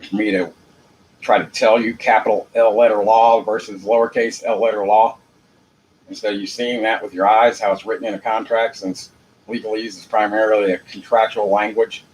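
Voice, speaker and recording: Low-voiced Southern US man, noisy recording. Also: little pitch movement, moderate pace. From Jacksonville, United States. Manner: folksy, unpolished, repeats phrases for emphasis. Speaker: amateur legal commentator. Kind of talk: informal rambling monologue. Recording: noticeable background noise.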